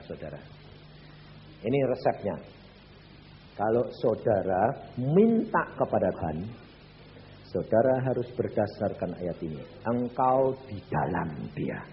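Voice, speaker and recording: Elderly preacher with dramatic swings. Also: male voice, fairly low pitch. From Central Java, Indonesia. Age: 80s. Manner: dramatic swings from loud peaks to hushed drops. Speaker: evangelist preacher. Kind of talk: sermon. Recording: echoey hall, dull lo-fi with hum.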